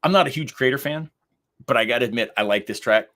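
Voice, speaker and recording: A man's voice: medium pitch, fast, sharp tone. A man co-hosting a podcast, talking through ideas in a thoughtful, casual way and laughing easily. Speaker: podcast co-host. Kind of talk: casual conversational discussion.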